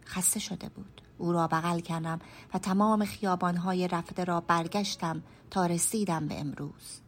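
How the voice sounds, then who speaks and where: A woman storyteller narrating a first-person radio story in a hushed, measured way, sometimes dropping to a whisper. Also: lowish voice, fairly even intonation, slight background noise. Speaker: storyteller and writer.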